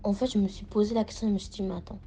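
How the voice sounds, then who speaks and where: A woman's voice: medium pitch, little pitch movement, rapid-fire, mellow. A young adult woman telling a personal story in a casual, rambling way, full of fillers and restarts. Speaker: storyteller sharing a personal experience.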